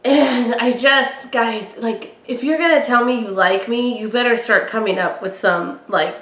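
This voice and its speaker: A woman's voice: a little high, a little slow, fairly bright tone. A young woman hosting a podcast, chatting and gushing about a TV show, laughing often. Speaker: podcast host. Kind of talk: casual recap chat. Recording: echoey room.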